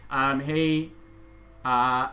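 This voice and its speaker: A man acting as game master, narrating and ruling on a tabletop game in a casual, halting way as he searches for words. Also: medium pitch, fairly even intonation, pushed and bright, faint music behind.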